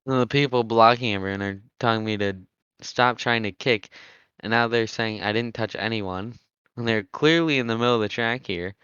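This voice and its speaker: A young man giving casual, chatty commentary on an online motocross race, relaxed and laughing often as he thinks aloud. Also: lowish voice, normal speed, clean tone, dry recording, lo-fi sound. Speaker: race commentator and server admin.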